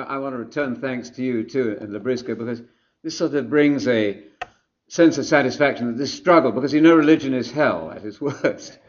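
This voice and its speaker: A man's voice: medium pitch, muffled recording. A man giving informal remarks at a church gathering, chuckling and joking at his own expense. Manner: chuckling, self-deprecating humor, stammers on restarts.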